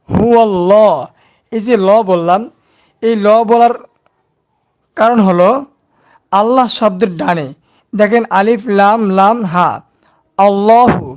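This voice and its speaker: A man with a high-pitched voice teaches Quran recitation step by step, slowly drilling syllables and asking questions that he then answers himself.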